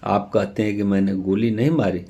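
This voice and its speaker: A man's voice: lowish voice, fairly even intonation, moderate pace, gravelly, dark tone. A man reading the lines of a frightened young boy in a story, pleading and asking tearful questions.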